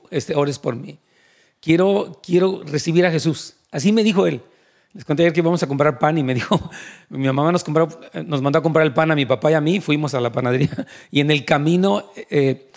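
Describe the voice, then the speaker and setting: A man preaching to young people, telling his own story earnestly and acting out the voices he quotes. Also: fairly high pitch. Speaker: pastor. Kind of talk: youth sermon with testimony.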